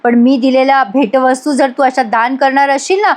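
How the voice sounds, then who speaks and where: Lady reading stern proud boss guy, firm, still her own high voice. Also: fairly even intonation, normal speed, darkish tone, close to an everyday voice.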